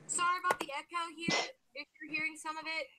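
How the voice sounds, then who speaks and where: A young woman whose words come back as a quiet, delayed, canyon-like echo, chatting hesitantly on a livestream and thinking aloud with fillers. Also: high voice, little pitch movement, fast. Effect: faint delayed echo repeating her words. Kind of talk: casual group chat on a stream.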